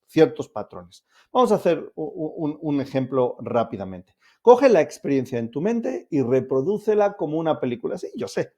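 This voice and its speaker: A man's voice: on the high side, dark tone. A man giving a self-help lesson to camera, explaining steps directly to the viewer in an upbeat, coaxing way. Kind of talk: instructional talk to camera.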